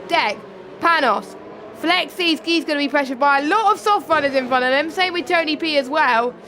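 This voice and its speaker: A woman's voice: high-pitched, fairly bright tone, a little hiss or hum. A young woman co-commentating a sim racing league, talkative and analytical, often correcting herself.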